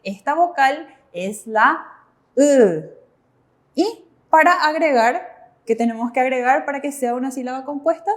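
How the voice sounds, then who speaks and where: High-voiced woman teacher explaining patiently. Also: expressive, measured pace. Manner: patient, explains by asking and answering her own questions. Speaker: Korean language teacher. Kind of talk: step-by-step classroom explanation.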